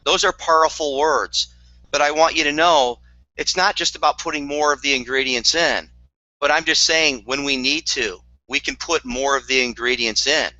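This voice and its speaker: A man's voice: fairly high pitch, normal speed, pushed and bright, no room sound. A man giving a motivational network marketing talk, earnest and repetitive, with dry sarcastic asides, on a dull lo-fi recording.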